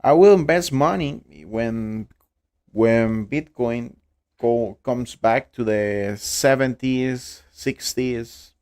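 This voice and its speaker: A young Costa Rican man who speaks Spanish natively, hosting a live trading stream in halting English, with many repeated words and restarts. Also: mid-range voice, a little mellow, smooth. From Costa Rica. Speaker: livestream trading host. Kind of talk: casual live-stream chat.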